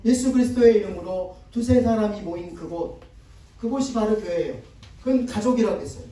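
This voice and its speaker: A man preaching a conversational sermon, with a high but mellow voice. He talks with the congregation, asking questions and having them repeat his words. The sound is distant and very echoey, as if caught from far off in a large church hall. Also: animated, fairly quick. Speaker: guest pastor. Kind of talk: sermon seminar. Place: church sanctuary.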